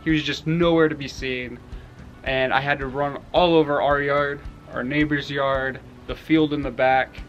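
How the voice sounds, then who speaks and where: A young man casually telling a story about his homestead, animated and laughing at times. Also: mid-range voice, moderate pace, highs cut off, soft background music. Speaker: homestead vlogger.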